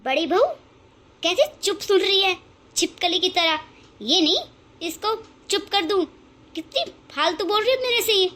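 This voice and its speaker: A high-voiced, bossy mother-in-law in a cartoon family squabble. She taunts and threatens her daughters-in-law in a scolding, sharp-tongued way. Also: normal speed, pauses often. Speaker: voice actor. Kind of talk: cartoon family drama acting.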